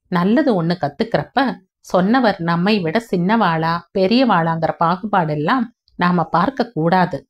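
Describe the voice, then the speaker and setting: A woman's voice: on the low side, lightly acted. Woman reading a kindly older man. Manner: warm, earnest praise.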